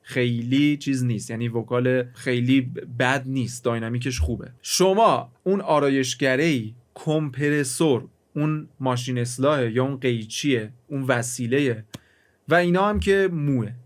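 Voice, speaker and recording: Chatty man teaching audio mixing. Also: mid-range voice. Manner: chatty, explains with everyday examples, talks to viewer directly. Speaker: music production instructor. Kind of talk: casual screen-recorded tutorial.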